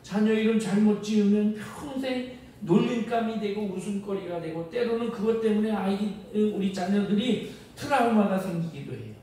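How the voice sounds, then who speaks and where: A male pastor preaching a sermon, acting out quoted inner voices with rising pitch. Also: normal speed, mellow, a little hiss or hum. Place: church sanctuary. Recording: echoey church hall, voice from far off, faint ambience.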